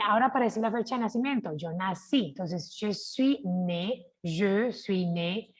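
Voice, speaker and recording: Calm and careful, a Colombian woman teaches French online, sharing her screen, in a medium-pitched voice with a Colombian Spanish accent. She sounds out French examples slowly and keeps checking in with "¿cierto?".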